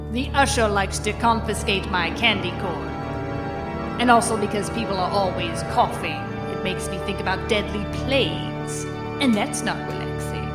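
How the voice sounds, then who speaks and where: A woman's voice: mid-range voice, natural voice. A woman playing a macabre horror hostess, narrating a scripted audio comedy in an arch, theatrical way. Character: macabre horror hostess addressing her little fright junkies. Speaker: host and narrator.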